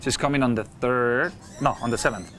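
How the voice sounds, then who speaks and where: A man's voice: mid-range voice, brisk, a bit bright. A man with an upbeat, jokey cruise director manner, chatting casually as host of a ship's morning show.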